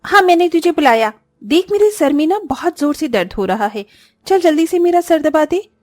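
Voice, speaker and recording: A harsh, commanding sister-in-law, put on by a woman storyteller, barking orders in a high, sharp voice. The recording is close and dry, with no room sound. It suits an animated family storybook. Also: moderate pace, no room sound. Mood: scolding. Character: bossy domineering young sister-in-law, scolding.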